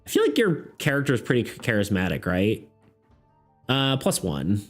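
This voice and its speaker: A man's voice: on the low side, huge pitch swings, moderate pace. A man running a tabletop game on a live stream, rambling casually, laughing often and asking his chat for ideas. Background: faint background music.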